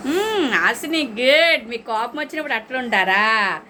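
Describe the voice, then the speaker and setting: A woman's voice: a little high, animated, normal speed, pushed and bright. A woman teaching a class of young children, coaxing them and calling on each child by name. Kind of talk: classroom lesson. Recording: noisy classroom recording.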